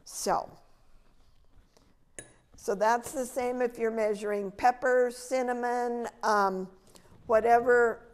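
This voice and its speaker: An older woman walks through a cooking demonstration in a patient, step-by-step way. She speaks slowly with a slightly high voice. The sound comes from a camera set back in a large indoor demo kitchen. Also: fairly even intonation. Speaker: extension educator.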